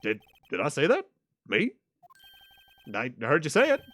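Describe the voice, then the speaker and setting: A man's voice: fairly high pitch, wildly swooping pitch, a little slow, a bit bright, dry recording, heavily acted. A man voicing a blustering, scruffy police detective with a put-on Southern drawl, calling everyone pal. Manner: folksy, keeps calling people pal.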